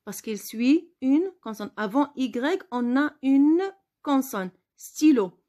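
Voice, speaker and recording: A woman teacher giving a spelling lesson, patiently repeating words slowly for her pupils. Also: sits high, expressive, mellow.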